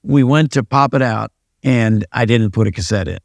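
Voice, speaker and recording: A man's voice: mid-range voice, moderate pace, vocal fry, dry recording, clean studio sound. An older American man, a retired police sergeant and pastor, telling stories in a casual interview with a wry, self-deprecating manner. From United States.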